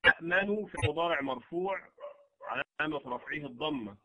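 A man teaching the rules of Quran recitation, explaining slowly and reciting verse examples. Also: fairly high pitch, expressive, dull audio. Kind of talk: tajweed lesson with recited examples.

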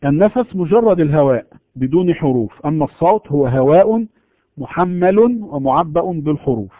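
A man giving a tajweed lesson, explaining slowly and drawing out the example words. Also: on the high side, animated, no room sound, highs cut off. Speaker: Quran recitation teacher.

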